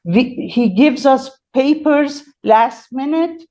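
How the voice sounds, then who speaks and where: Woman, defendant, insistent formal pleading, very slow delivery, dull lo-fi courtroom sound. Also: high-pitched, lively intonation, dark tone. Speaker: self-represented defendant. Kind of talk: courtroom argument.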